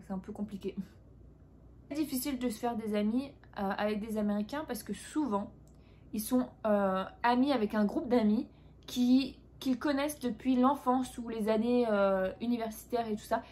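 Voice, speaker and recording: A woman's voice: on the high side, normal speed, darkish tone. A young French woman talking casually to camera about life abroad, chatty and full of fillers. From France. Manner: chatty, many fillers, quoting others in English. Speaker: vlogger. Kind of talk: casual confiding monologue.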